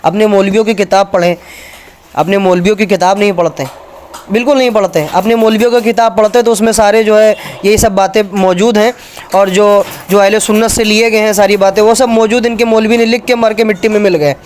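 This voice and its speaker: A man's voice: sits high, fairly even intonation, fairly quick, a little mellow, a little hiss or hum. A man giving an argumentative religious talk, reading passages from books and pointing viewers to pages. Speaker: religious speaker.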